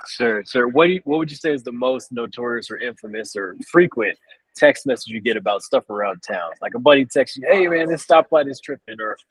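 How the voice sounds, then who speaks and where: A man's voice: mid-range voice, fairly quick, breathy edge, no echo, poor audio. A man hosting a podcast, asking loose, friendly hypothetical questions in a casual interview.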